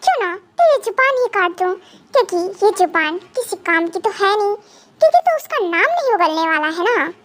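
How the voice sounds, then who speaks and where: A woman's voice: extremely high pitch, sing-song, a little fast, a bit bright, full character voice. A woman voicing a menacing young male psychopath gang boss in a fan dub drama, taunting and threatening.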